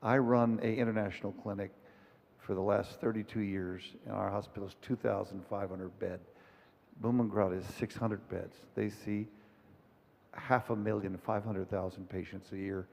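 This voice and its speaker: A man's voice: lowish voice, steady tone, normal speed, creaky, darkish tone. A man moderating a conference panel, talking in a plain conversational way about running an international clinic. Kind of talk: panel discussion. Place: conference auditorium. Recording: long reverb in a conference hall.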